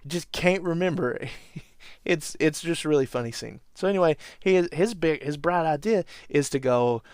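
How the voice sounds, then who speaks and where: A man hosting a podcast, casually recapping a classic movie in a rambling way, chuckling and sometimes breaking into animated impressions. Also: a little high, normal speed, clean tone, no echo, studio quality. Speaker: podcast host.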